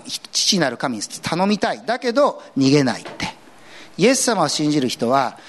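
A man delivers a sermon with the warmth of casual conversation, slipping in everyday asides. His voice sits a little high and swings widely in pitch as he presses his points home. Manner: earnest, conversational preaching with lively swings in pitch. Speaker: pastor.

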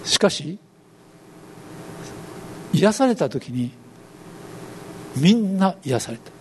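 A man's voice: a little high, very animated, slight background noise. A man in his eighties with a Kansai accent, preaching a sermon in a folksy, storytelling way. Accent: Kansai Japanese. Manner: storytelling, acts out quoted voices, folksy and unhurried. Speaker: pastor.

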